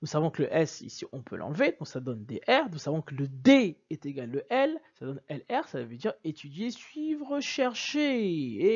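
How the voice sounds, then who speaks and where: Heard through a muffled recording, a man with a highish, creaky, darkish, husky voice gives an emphatic slide lecture on word origins. He repeats points and tells the listener to look, often saying "regardez" and "bien sûr".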